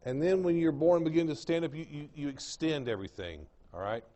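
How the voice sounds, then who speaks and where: In a lecture room, a man with an East Texas drawl teaches an anatomy class in a slightly high, brisk, warm voice. He repeats key terms and checks that students are keeping up.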